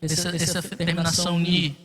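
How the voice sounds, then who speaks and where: A man's voice: a little high, completely flat delivery, moderate pace, a bit bright, big-room sound. A man teaching a Bible study class, explaining patiently and checking in often with his listeners. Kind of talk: classroom lecture.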